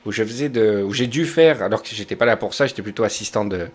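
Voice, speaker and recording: A man's voice: lowish voice, fast talker, slightly rough. A man in his thirties with a Southern French accent, hosting a podcast and telling rambling, digressive anecdotes in casual chat. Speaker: podcast host.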